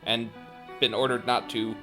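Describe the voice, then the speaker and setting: A man voicing a polite, obedient robot helper in a tabletop game, speaking in a flat, emotionless, formal way. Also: mid-range voice, moderate pace, over music, close to an everyday voice. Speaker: game master.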